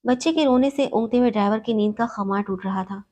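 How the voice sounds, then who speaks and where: A woman telling an emotional story in the first person, reading in a steady, sorrowful way. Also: fairly high pitch.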